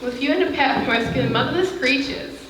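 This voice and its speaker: A woman playing a cheerful young Yorkshire housemaid, brisk and down-to-earth in broad dialect, in a live stage play. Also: sits high, fairly bright tone, a little hiss or hum. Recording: echoey theater, mic far off.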